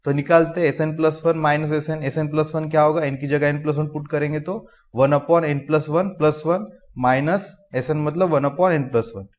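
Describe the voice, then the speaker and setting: A man's voice: on the high side, fairly even intonation, a little mellow. Man teaching maths with rhetorical questions. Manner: asks the class rhetorical questions, says "theek hai" often; reads English definitions out slowly. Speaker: math lecturer. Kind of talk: explaining maths in Hindi mixed with English.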